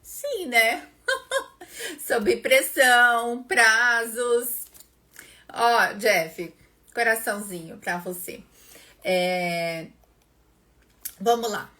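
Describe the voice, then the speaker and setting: A Brazilian woman hosts a casual live lesson, her voice bright and a little high. She takes her time, speaking slowly and chatting directly with viewers by name between explanations. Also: lively intonation. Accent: Brazilian Portuguese. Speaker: English teacher and live-stream host.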